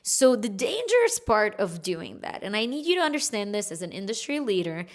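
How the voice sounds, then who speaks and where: Chatty woman hosting a podcast. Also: mid-range voice. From Egypt, raised in Kuwait. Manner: chatty, fast-talking with lively emphasis. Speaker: podcast host. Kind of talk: solo podcast talk.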